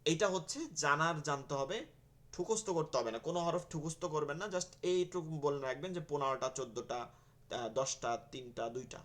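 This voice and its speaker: A man's voice: a little high, fairly bright tone. A man teaching a Quran reading class, drilling letter names over and over and asking questions he answers himself. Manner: repeats letters and drills students, asks and answers own questions. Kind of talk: online class lesson.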